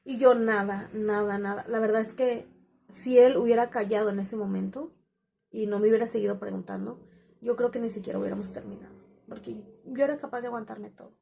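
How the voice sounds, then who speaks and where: A woman's voice: fairly high pitch, fairly even intonation, fairly quick, gravelly, dark tone. A woman, candidly telling the story of her breakup to her viewers. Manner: candid, conversational, quotes past dialogue. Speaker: vlogger. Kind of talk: confessional storytelling.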